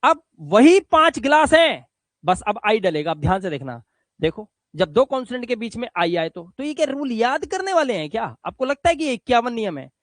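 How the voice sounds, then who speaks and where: Patient male tutor, high voice, slow clear word drills, dry close recording. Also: sing-song, dry recording. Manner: patient, repeats words slowly with examples. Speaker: spoken English teacher. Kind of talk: classroom lesson on reading rules.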